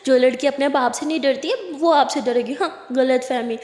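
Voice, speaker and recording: A woman voicing Lilly, a high, teasing young woman. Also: moderate pace, a little mellow, lightly acted. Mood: nervous. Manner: jokey, stammers when nervous. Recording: echoey room, long reverb.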